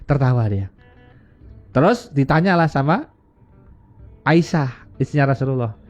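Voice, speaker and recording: A man's voice: animated, measured pace, darkish tone. A man preaches on a radio program. He tells stories and takes on each character's voice as he goes. The sound is dull and lo-fi, with faint music underneath. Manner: acts out dialogue with raised pitch. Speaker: religious teacher on radio. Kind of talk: storytelling sermon.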